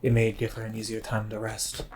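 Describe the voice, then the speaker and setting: A man playing a tabletop game, speaking in character softly and tentatively, with many "um"s. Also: fairly low pitch, completely flat delivery, brisk, a little hiss or hum. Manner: soft-spoken and tentative, many "um"s. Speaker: player. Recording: clear music in the background.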